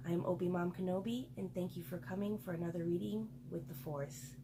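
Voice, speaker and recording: A woman's voice: on the low side, steady tone, brisk, noisy background. A woman reading a picture book aloud to children and adding chatty asides to her listeners. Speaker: storyteller for children.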